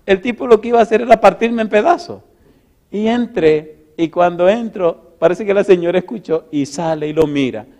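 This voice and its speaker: A middle-aged man preaching, telling a story with laughter and big swings from loud to hushed. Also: high-pitched, normal speed. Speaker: pastor. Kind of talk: storytelling sermon.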